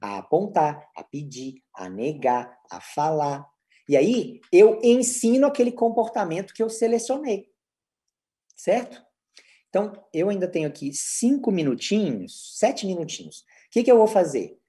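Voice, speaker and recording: A Brazilian-accented man delivers a lecture with a lively, swinging pitch. He teaches in clear steps and often poses a question before answering it himself, in the manner of a psychologist walking an audience through practical cases. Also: a little slow. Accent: Brazilian Portuguese. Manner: didactic, asks and answers own rhetorical questions.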